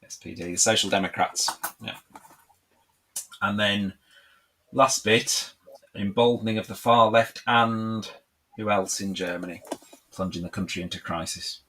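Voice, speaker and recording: A man's voice: on the low side, steady tone, unhurried, pauses often, sharp tone, slight background noise, rough recording. A man co-hosting a casual live quiz lesson as a tutor, light-hearted and encouraging.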